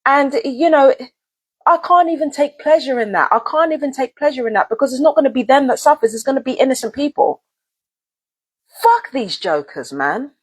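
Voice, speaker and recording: Talking fast in a high-pitched voice, this woman vlogger delivers a furious direct-to-camera rant. It's profane and repetitive, full of curses.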